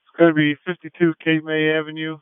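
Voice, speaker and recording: A man's voice: fairly high pitch, monotone, fast, smooth, no room sound. A man working as a police dispatcher, giving terse radio updates in a matter-of-fact, procedural way over a two-way radio. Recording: thin, narrow-band police radio channel.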